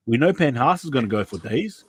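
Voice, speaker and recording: A man's voice: medium pitch, lively intonation, brisk, a little hiss or hum, rough recording. A man from New Zealand hosting a casual rugby league preview, chatty and given to repeating himself and restarting. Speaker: podcast host.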